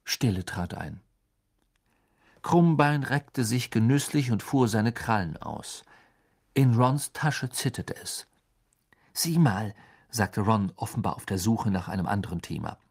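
A man reading a novel aloud in calm, measured scripted narration. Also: lowish voice, gravelly, husky. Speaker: audiobook reader.

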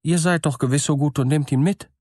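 A man voicing a gullible old-fashioned peasant woman in a fairy tale, high-pitched and trusting. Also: brisk, a little mellow, no echo, studio quality, close to an everyday voice. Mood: earnest.

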